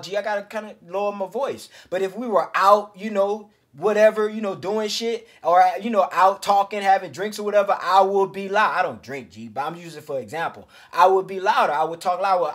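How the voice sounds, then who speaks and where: Full of slang and profanity, this energetic, casual monologue comes from a male self-improvement coach teaching men social skills. He calls his audience fellas and G, and his voice sits high.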